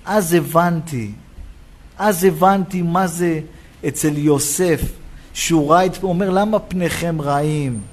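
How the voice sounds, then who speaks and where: A rabbi preaching a sermon in a synagogue, telling a personal story and acting out the dialogue. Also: male voice, a little high. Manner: animated storytelling, acts out dialogue.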